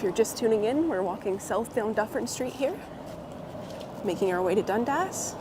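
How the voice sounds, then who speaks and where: Her fairly high, expressive voice carries a slight hoarseness left over from a cold as she walks and chats live with her audience at a normal speed. She greets viewers by name, laughs often, and stays friendly throughout. It's recorded outdoors on a windy city street through a coat-clipped mic, with traffic and wind behind her.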